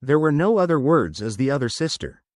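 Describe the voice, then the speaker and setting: A man giving a scripted first-person horror narration in a steady storytelling read. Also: on the high side, a little fast, no room sound, clean studio sound.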